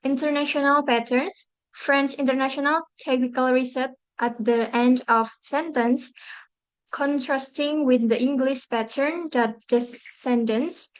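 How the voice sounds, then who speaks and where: A woman's voice: sits high, fairly even intonation, unhurried, rough recording. A woman student presenting a class talk, reading carefully from notes and restarting words.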